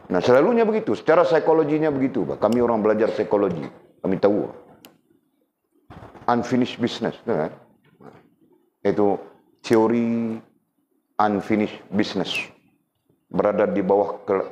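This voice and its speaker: A man with a Sabah Malay accent delivers a religious lesson in a fairly low voice. He is animated, firing off rhetorical questions and repeating himself, with the odd wry joke. The recording sounds roomy and a little dull. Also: a little slow, long pauses. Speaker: religious teacher. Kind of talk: religious lecture to a class.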